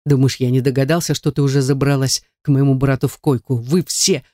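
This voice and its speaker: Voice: mid-range voice, fairly even intonation, brisk, warm tone, dry recording, studio quality, close to an everyday voice. A reader doing a snarling, menacing young man. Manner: hissing through teeth, aggressive.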